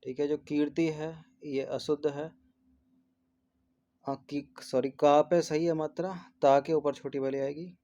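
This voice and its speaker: Man, teacher going through test answers, fairly high voice, repeats words. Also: flat delivery, unhurried, dark tone, lo-fi sound. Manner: repeats each word several times, explaining spellings; mixes English numbers and terms into Hindi. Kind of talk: exam test-series answer walkthrough.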